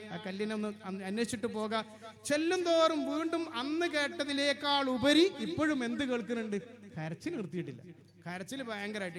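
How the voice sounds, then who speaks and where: Very high-pitched male preacher. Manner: emphatic, slows to chant Arabic phrases. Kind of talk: Ramadan sermon storytelling.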